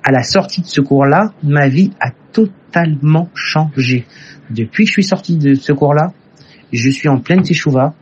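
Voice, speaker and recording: A man's voice: a little high, normal speed, muffled recording, a little hiss or hum. A man telling an emotional personal story in an earnest way. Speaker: testimony teller. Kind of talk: personal testimony.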